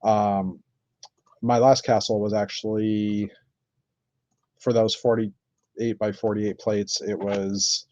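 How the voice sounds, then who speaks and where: A man chatting casually on a live stream while building, thinking aloud with many pauses and fillers. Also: on the low side, little pitch movement, a little mellow, no room sound. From Canada. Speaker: streamer building with toy bricks. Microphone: computer mic on live stream. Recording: dull lo-fi stream audio.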